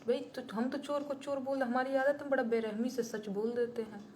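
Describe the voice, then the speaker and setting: A woman's voice: sits high, fairly even intonation, normal speed, a little mellow, slight background noise. Emphatic woman defending herself to viewers. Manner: emphatic and indignant, repeating points for stress. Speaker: singer and songwriter. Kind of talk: casual live chat with viewers, answering comments.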